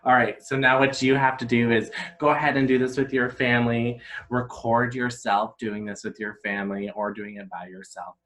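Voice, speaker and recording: A man, an elementary school teacher, giving a playful, animated video lesson to young children. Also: medium pitch, normal speed. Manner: animated, upbeat, playfully exaggerated.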